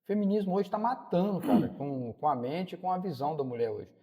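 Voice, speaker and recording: A man's voice: high-pitched, expressive, fairly quick, mellow, long reverb tail. A Brazilian man in his forties, a city councilman interviewed on a podcast, speaking casually and saying "cara" often. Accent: Brazilian Portuguese. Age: 40s.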